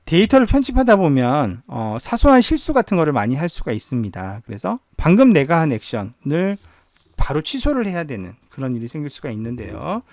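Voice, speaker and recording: A male professor giving an online lecture and showing each step on screen. His voice is gravelly and a little high, and his pitch rises and falls a lot as he poses a question and then answers it. The recording is dry and close, with no room sound. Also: sing-song, brisk, darkish tone, dry recording. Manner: asks the class questions and answers them himself; walks through screen steps. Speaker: university professor. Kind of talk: online lecture on spreadsheet software.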